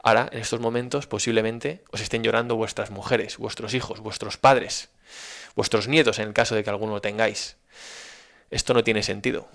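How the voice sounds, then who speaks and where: Man as a wise Chinese minister, Spanish accent, low gravelly voice, calm and persuasive. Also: a little fast. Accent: Spain.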